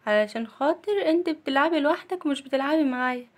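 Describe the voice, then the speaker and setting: A woman's voice: sits high, fast talker, close to an everyday voice. A woman voicing a cheerful little girl with an Egyptian accent, chattering sweetly in a children's play-acting story. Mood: childlike. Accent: Egyptian Arabic.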